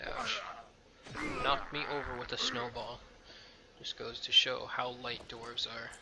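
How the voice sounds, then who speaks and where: A man's voice: medium pitch, little pitch movement, unhurried, creaky, over a noisy crowd. A man hosting a let's play, talking casually over his game with frequent ums and a loose, rambling manner. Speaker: gameplay video host. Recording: game music playing behind.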